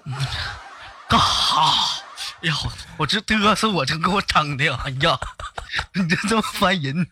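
A man's voice: on the high side, animated, measured pace, slightly rough. A man, a livestreamer on a voice call, flustered, laughing and mocking himself. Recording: music playing loudly underneath.

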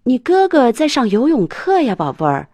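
A woman's voice: high voice, wildly swooping pitch, moderate pace, mellow, no room sound, pitched above the performer's own voice, exaggerated voice. A woman voicing a caring mother in a children's storybook reading, tender and affectionate. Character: caring mother, gentle then alarmed.

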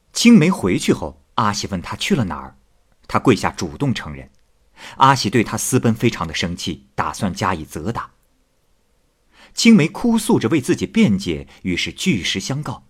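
Husky man narrating a classic tale. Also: fairly low pitch, normal speed. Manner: animated storytelling. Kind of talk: storybook narration.

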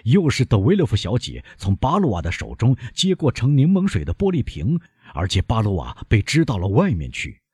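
A man reading an audiobook, voicing a stern doctor who lays out an accusation in a cold, measured way. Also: mid-range voice, huge pitch swings, darkish tone, husky, no echo, voice pushed up, full character voice. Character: stern older male doctor, relentless accuser.

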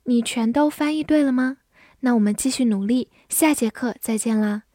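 A woman teaching English vocabulary to Chinese learners. She says each word twice, slowly, then gives its meanings. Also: on the high side, warm tone, no echo, studio quality. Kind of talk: scripted vocabulary lesson.

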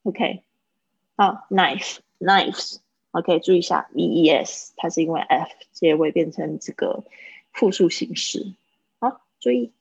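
A woman teaching a livestreamed English lesson, explaining step by step and repeating words slowly to model their pronunciation. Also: on the low side, creaky, a little mellow, breathy edge, no room sound. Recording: dull lo-fi livestream audio.

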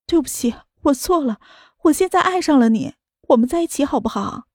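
Woman narrator giving a shrill, begging young woman in a storybook drama, dry close-mic sound. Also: lively intonation, fairly quick, a little mellow, no echo. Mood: pleading. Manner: pleading, tearful and shrill. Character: desperate, clinging young woman begging for love. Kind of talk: audiobook drama acting.

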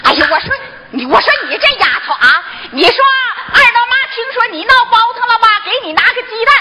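A loud nosy northeast village auntie, swears a lot, super high lively voice, noisy old recording. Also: female voice, a little fast. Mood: scolding. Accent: Northeast Chinese. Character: brash nosy older village aunt. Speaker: stage performer. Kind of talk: northeastern folk opera dialogue.

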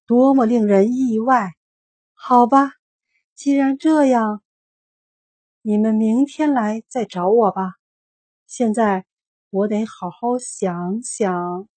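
A woman voicing a boastful old humbug wizard who turns meek and shaky, speaking slowly and loudly. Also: on the high side, no room sound. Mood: trembling.

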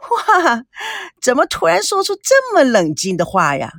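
A flustered, sharp-tongued young woman, as a narrator plays her in a storybook, quick to scold and snap back. Her pitch leaps high and low, and the recording is dry and close. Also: wildly swooping pitch, no echo, heavily acted.

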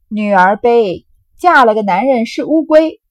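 A woman reading aloud as a crude, blustering young rich man, loud and halting. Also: fairly high pitch, animated, no room sound.

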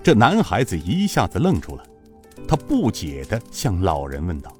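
A man narrating an audiobook with an expressive storytelling delivery. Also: low voice, normal speed, faint music behind. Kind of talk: audiobook narration of a martial-arts novel.

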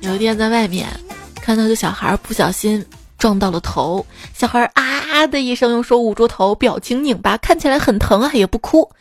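A woman's voice: on the high side, fairly quick, darkish tone, no room sound, faint music behind. A mother telling funny stories about her daughter in a chatty, playful comic monologue. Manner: chatty, playful, laughs at her own jokes.

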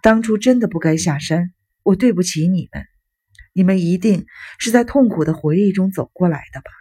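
A woman reading a tearful young woman, warm and husky. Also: lowish voice, normal speed. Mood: remorseful. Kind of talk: audiobook narration.

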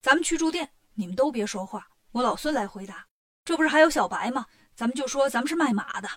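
A cocky monkey king full of schemes, voiced by a woman reading a storybook aloud. He talks fast and sure of himself, in a voice that sits on the high side. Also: expressive, a bit bright. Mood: scheming. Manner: brisk, confident, full of schemes. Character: clever monkey king, brash and bossy.

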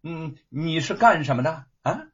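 A male storyteller voicing a rude, bullying gatekeeper servant who barks orders at an intruder in a husky voice. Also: a little high, animated, measured pace, voice pushed up. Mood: blustering. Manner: gruff, bullying shouts. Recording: dull lo-fi recording.

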